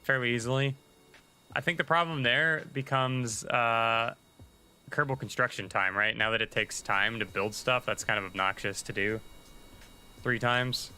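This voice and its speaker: Guy streaming a game, really bright voice, mid pitch, just chatting and thinking out loud, faint hum behind. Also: fairly even intonation, unhurried, smooth, low-quality recording. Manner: chatty, thinking aloud, muttering asides to himself. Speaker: livestreaming gamer. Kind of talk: casual gameplay commentary.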